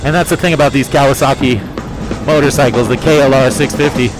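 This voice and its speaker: A man's voice: mid-range voice, fairly even intonation, fast, over music, poor audio. A man rambling casually in an easygoing live vlog, recorded on a pocketed phone as he rides outdoors in a helmet. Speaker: motorcycle vlogger. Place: outdoors, riding a motorcycle on forest roads. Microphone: phone in pocket while riding in a helmet.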